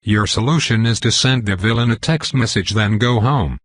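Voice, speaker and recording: A man's voice: lowish voice, normal speed, no echo, lightly acted. A man narrating a storybook, voicing a wry, rattled young male student. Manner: wry, rambling.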